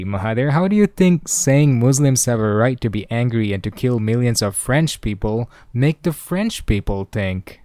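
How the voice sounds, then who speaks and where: A man's voice: mid-range voice, a little mellow, no room sound. A young man hosting a casual solo podcast, rambling and swearing as he talks things through, laughing now and then. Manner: rambling, profane, laughs often. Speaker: podcast host. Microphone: desk microphone, clipping.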